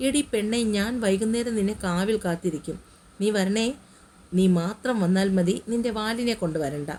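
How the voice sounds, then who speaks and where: A woman's voice: medium pitch, moderate pace, darkish tone, slight background noise, natural voice. Woman voicing a teasing young lover. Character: teasing loving young village man.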